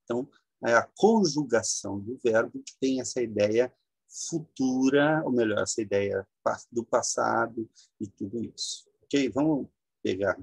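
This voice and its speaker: A man from Brazil, teaching a slow, halting lecture with many fillers and drawn-out example words. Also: mid-range voice, vocal fry, husky, dry recording. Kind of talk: classroom lecture.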